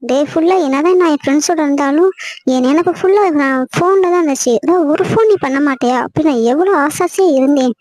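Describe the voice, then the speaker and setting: A woman's voice: high-pitched, quick pace, a little mellow, lightly acted. A woman playing a hurt young wife on the phone. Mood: hurt, angry. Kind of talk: acted phone-call drama.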